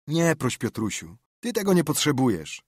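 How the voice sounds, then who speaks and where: Guy doing a sneaky little kid in an audiobook, cheeky, voice pushed up high. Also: huge pitch swings, moderate pace, breathy edge, no room sound, studio quality, heavily acted. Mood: teasing. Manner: cheeky, pleading innocence. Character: mischievous sly young boy.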